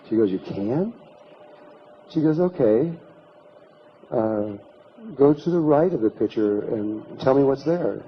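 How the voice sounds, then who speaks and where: A man's voice: medium pitch, a little hiss or hum. A man lecturing at a conference, telling a long anecdote in a rambling way and acting out the quoted lines. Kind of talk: storytelling lecture. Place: conference hall. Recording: dull lo-fi conference recording.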